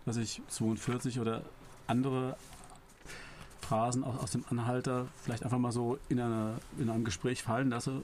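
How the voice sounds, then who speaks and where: A man's voice: medium pitch, little pitch movement, normal speed, darkish tone, slight background noise. A male radio co-host chatting casually, rambling with restarts. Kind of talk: casual studio chat.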